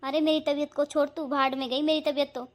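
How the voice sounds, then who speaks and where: A frail old mother-in-law from a cartoon, voiced by a woman, her high voice thin and soft. She coughs between pleading, tearful words. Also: little pitch movement, fast talker, lightly acted. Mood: anxious. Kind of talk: cartoon voice acting.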